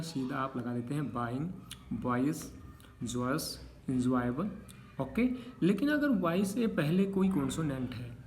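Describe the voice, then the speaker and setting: A man's voice: medium pitch, a little hiss or hum. Man teaching spelling rules patiently. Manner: patient, repeats checks like "okay" between examples. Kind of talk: explaining spelling rules to students.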